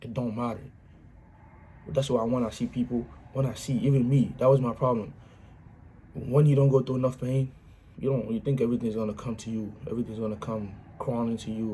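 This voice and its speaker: A man talks through his personal philosophy in a loose, earnest monologue. He keeps circling back to the same points with informal grammar and restarts. His voice is mellow and dark, and faint ambience sits behind it. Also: mid-range voice, fairly even intonation, a little fast, a little hiss or hum. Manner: earnest, repetitive, punctuates with "you know what I'm saying". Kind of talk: casual motivational monologue.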